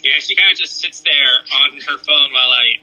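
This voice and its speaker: A man on a podcast as a guest, joking and offhand, halting in his sentences. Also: fairly high pitch, bright, forceful tone, highs cut off. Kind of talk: casual podcast interview.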